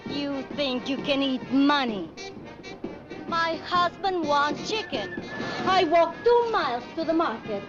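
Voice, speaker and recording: A sharp-tongued village mother with a very high, scolding voice. Loud music plays under the dull, lo-fi old TV sound. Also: animated, slow.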